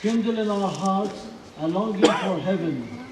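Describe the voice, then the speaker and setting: A man's voice: high voice, lively intonation, a little slow. A man reading solemn funeral intercessions as a minister. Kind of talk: solemn funeral prayer, read liturgy. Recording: roomy distant pickup, clear background noise.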